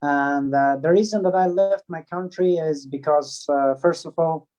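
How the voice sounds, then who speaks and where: Hesitant and halting, an Afghan man answers interview questions about his swimming, with lots of fillers, restarts and non-native phrasing. His voice is on the high side with a darkish tone, over soft background music and a dull, lo-fi recording.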